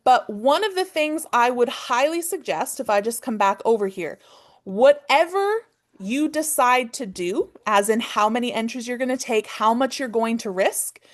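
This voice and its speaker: A woman in her thirties with a Canadian accent, teaching a live online trading lesson, talking fast and checking in with "okay?" all the time. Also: a little high, expressive. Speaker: trading coach.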